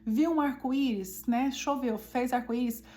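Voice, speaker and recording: A woman with a Brazilian Portuguese accent giving a conversational devotional teaching. She often checks in with her listeners and slows down to stress key points. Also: high-pitched, dark tone. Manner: chatty, often asks the listeners "né?" and calls them "gente".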